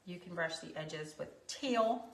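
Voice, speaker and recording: Woman craft teacher, lowish voice, chatty and rambling, recorded from a distance in a roomy studio. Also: expressive, measured pace, vocal fry. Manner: chatty, rambling, jokey asides. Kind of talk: casual craft tutorial. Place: her craft studio, indoors. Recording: echoey room, mic at a distance.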